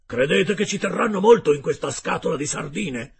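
A man voicing a blunt, hungry male harpooner who talks loudly, slowly and emphatically. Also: high voice, expressive, vocal fry, pitched above the performer's own voice. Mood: gruff. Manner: loud, slow and emphatic.

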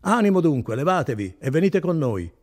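A man's voice: a little high, big pitch swings, pitched above the performer's own voice. A man doing an unctuous, sly notary. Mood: coaxing. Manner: coaxing, unctuous and slow. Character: sly, smooth-talking middle-aged male notary.

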